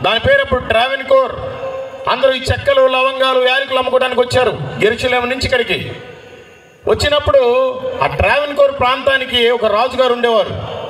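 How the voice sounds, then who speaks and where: A man evangelist telling a story sermon in an animated way, often putting questions to his listeners. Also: very high-pitched, a little fast. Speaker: evangelist preacher. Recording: echoey.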